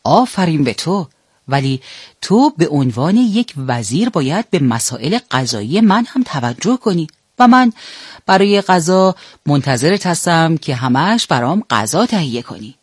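A man's voice: fairly high pitch, very animated, slightly rough, dry recording, clean studio sound. A man voicing a hungry, domineering male lion king who gives orders and threats. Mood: commanding. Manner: commanding and threatening.

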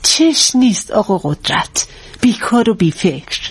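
An actress playing a coy, sweet-talking traditional housewife. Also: female voice, mid-range voice, very animated, husky. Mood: chatty. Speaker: wife.

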